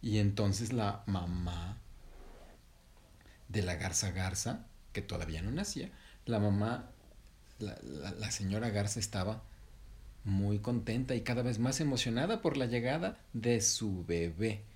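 A man gently telling an improvised bedtime story to his child, pausing to correct himself. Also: lowish voice. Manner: gentle, unhurried, self-correcting.

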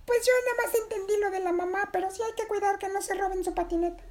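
A woman's voice: very high voice, steady tone, fast. A woman voicing a small playful storybook animal friend, chatting and joking inside a children's story. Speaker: co-narrator.

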